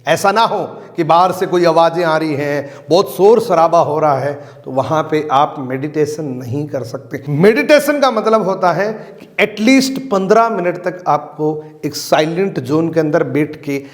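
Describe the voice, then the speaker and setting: A man's voice: fairly high pitch, unhurried, hardly any pauses. A man giving an emphatic motivational training talk on network marketing, repeating his key phrases. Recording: long hall reverb.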